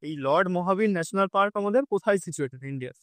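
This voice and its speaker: A man's voice: high voice, expressive, very fast, no room sound. A man teaching an exam-prep lesson, rattling off memory lists and checking in with his students again and again. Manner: drilling, repeats lists at speed with frequent "ঠিক আছে?" checks. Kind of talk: recorded online lesson.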